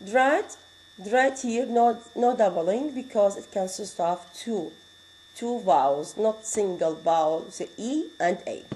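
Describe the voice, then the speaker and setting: Woman teacher, Arabic accent, mellow voice, patient and repetitive lecture delivery. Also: medium pitch, slight background noise, poor audio. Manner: explains slowly, repeating words and reading out examples; switches into Arabic to explain. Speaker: English grammar teacher. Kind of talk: classroom lecture.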